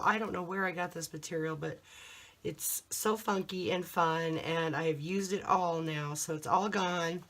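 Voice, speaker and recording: A mature woman speaks in a slightly low, croaky voice, hoarse from throat trouble. She takes her time, very unhurried and hesitant, in the chatty style of a homemade craft vlog. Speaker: crafter presenting a handmade journal. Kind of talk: casual show-and-tell vlog.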